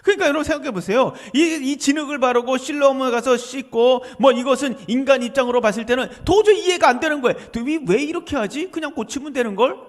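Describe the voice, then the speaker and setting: A man's voice: extremely high pitch, fast, hardly any pauses. A male pastor preaching a sermon, emphatic and full of rhetorical questions, dropping at times to a near whisper. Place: church sanctuary. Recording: reverberant church hall.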